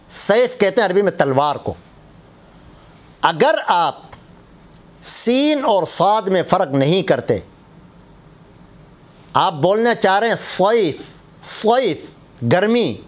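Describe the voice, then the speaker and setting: A man, a mufti, giving a religious lesson on prayer recitation, explaining patiently and repeating example words to contrast them. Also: high voice.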